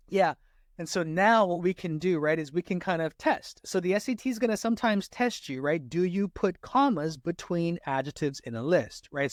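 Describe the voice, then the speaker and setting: Man, fairly high voice, dry close sound, grammar lesson, keeps asking students "right?". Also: dry recording. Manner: talks straight to viewers with frequent "right?" checks. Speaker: SAT prep teacher.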